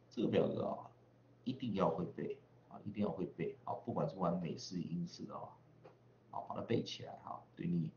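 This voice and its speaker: A man's voice: deep voice, dark tone, reverberant, dull audio, slight background noise. A man from the western United States teaching English pronunciation online, chatty, drawing out vowel sounds in drills with frequent tag particles.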